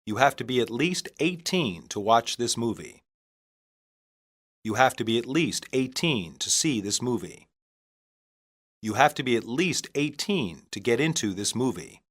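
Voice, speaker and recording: A mid-pitched male teacher reads English practice phrases from a lesson script, his intonation animated. He paces it deliberately, setting each phrase apart for the learners.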